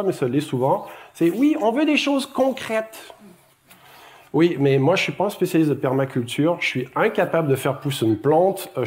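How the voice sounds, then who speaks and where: This middle-aged Québécois man, a guest lecturer from Quebec, Canada, has a somewhat high, slightly mellow voice and a Québécois French accent. He gives a relaxed public talk, poking fun at himself and using many fillers.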